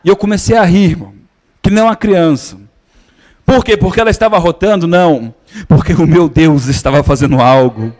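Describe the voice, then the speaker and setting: A man preaches with a notably high-pitched voice. He tells his story conversationally and keeps calling his listeners brothers, as a pastor in a sermon. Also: fairly quick, a little mellow.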